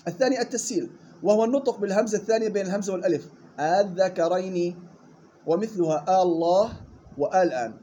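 A man teaching Quran recitation rules. He models the words slowly and quizzes his students. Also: high-pitched, mellow, highs cut off, slight background noise. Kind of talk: tajweed lesson.

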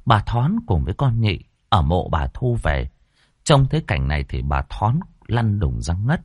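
Low-voiced, lively male horror storyteller. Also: measured pace, no room sound. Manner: expressive, animated storytelling. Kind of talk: scripted horror story narration.

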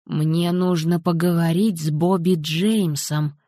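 A woman reading an audiobook, voicing a determined grandmother in her sixties who speaks quietly, measured and firm. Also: fairly low pitch, fairly even intonation, no room sound, studio quality. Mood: steely. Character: determined grandmother, cold and steely.

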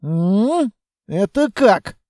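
Grumbling lanky dimwit as a narrator puts him on, puzzled, raised voice, dark tone, dry close mic. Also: male voice, high voice, big pitch swings, drawn-out words, no echo, heavily acted. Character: tall thin male scavenger, slow-witted and grumbling. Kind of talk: audiobook character voice.

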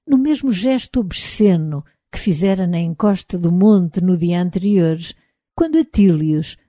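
A woman with a European Portuguese accent narrating an audiobook in a steady, even reading. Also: on the low side, unhurried, dry recording, clean studio sound. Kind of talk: scripted narration.

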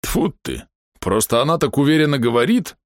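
A man's voice: mid-range voice, very animated, normal speed, no echo, studio quality, pitched above the performer's own voice, natural voice. A man voicing a big, blunt male half-orc warrior in an audiobook who grumbles and barks his lines. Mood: gruff.

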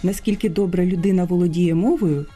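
A woman's voice: fairly low pitch, fairly quick, dark tone, soft background music. A woman linguist hosting a radio program, presenting and asking questions in a formal, articulate manner. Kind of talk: scripted radio presentation and interviewing.

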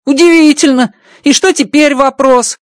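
A high, squeaky male alien engineer, bursting with eager energy and mangling his grammar. The audiobook recording is dry and close, with no room sound. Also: fairly even intonation, normal speed, no echo. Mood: overjoyed. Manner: broken grammar, tags questions with a spoken word. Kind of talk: audiobook character voice.

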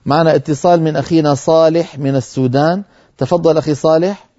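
A man teaching Quran recitation on a TV program, answering viewer questions firmly and reciting verses slowly to demonstrate. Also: fairly high pitch, steady tone, mellow, lo-fi sound.

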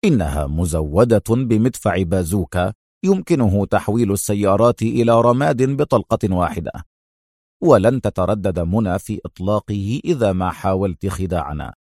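A cool male secret agent, calm and unhurried, his low voice carrying a dry, mocking edge, as a man reads him in a storybook. The sound is close and dry. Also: no room sound.

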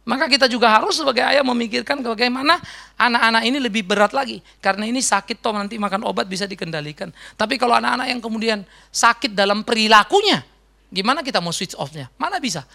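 A middle-aged man preaching a sermon as a pastor, in a conversational, animated way. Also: extremely high pitch, fast, creaky. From Indonesia. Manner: conversational, animated storytelling with mimicked voices.

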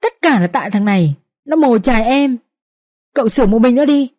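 A woman voicing a young servant woman who cries and begs for mercy in a high, wailing voice. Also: expressive, brisk, darkish tone. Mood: tearful pleading. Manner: wailing, begging. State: crying. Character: young servant woman caught in adultery, pleading.

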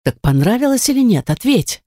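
Audiobook heavy: woman reader doing a snarling jealous young man, lowered voice, mellow and dry. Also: normal speed, no echo, natural voice. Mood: menacing. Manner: snarling, sneering. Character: menacing jealous young man, cruel and mocking.

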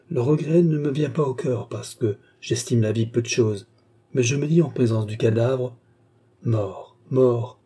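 Casting: male reader as a solemn young disciple, husky and very dark-toned. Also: medium pitch, close to an everyday voice. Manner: solemn, measured and earnest. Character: young male adept, grave, troubled. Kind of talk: audiobook character voice.

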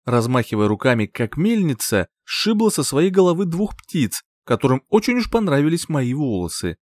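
A male audiobook narrator with a mid-pitched voice who reads a first-person fantasy story expressively. His intonation swings widely from line to line, and the sound is dry and close. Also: moderate pace, dry recording. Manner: expressive, lively reading.

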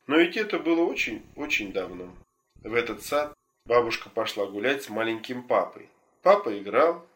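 A man narrating a children's story in a gentle storytelling manner. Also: mid-range voice. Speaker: audiobook narrator.

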